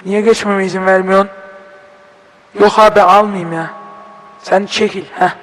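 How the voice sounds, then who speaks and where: Young male gameplay host, Turkish accent, high-pitched, joking and cursing, reverb-heavy recording. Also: fairly even intonation, measured pace. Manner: swearing, joking, bursts of panicked shouting. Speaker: gaming video host. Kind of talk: horror game let's play commentary.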